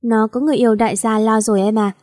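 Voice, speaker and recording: A woman's voice: on the high side, fairly even intonation, racing, mellow, no room sound, studio quality, natural voice. A woman voicing an irritated, dismissive young man in a read-aloud story.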